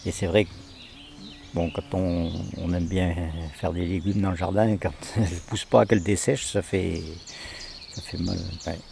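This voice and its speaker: A man speaking reflectively as a rural resident, trailing off softly. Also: sits low, fairly even intonation, normal speed, gravelly, slight background noise. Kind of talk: casual chat.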